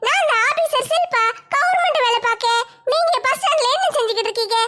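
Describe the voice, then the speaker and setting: A woman's voice: very high-pitched, animated, quick pace, a bit bright. A woman voicing a bossy, brash woman officer.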